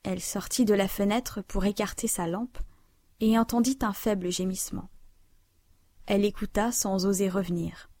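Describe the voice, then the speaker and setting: A woman narrating a classic novel aloud in a measured, even reading style. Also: mid-range voice, dry recording. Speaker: audiobook narrator.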